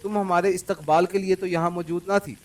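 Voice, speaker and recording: A man's voice: sits high, fairly quick, distant mic, close to an everyday voice. A man playing a cold, witty male secret agent. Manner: calm and cold, mocking laughter. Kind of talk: audiobook character reading.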